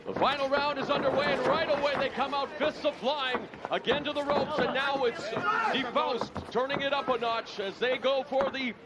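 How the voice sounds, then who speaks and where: A man's voice: very high-pitched, moderate pace, hardly any pauses. A man doing live play-by-play fight commentary with polished, dramatic announcer phrasing. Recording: live over a loud arena crowd. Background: roaring fight crowd.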